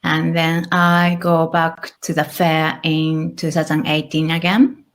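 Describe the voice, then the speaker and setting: A woman in her thirties with a Japanese accent, an author and illustrator, is the guest in a relaxed, casual interview. Her voice sits a little low for a woman, and she speaks slowly and thoughtfully, thinking aloud with small restarts and light laughs.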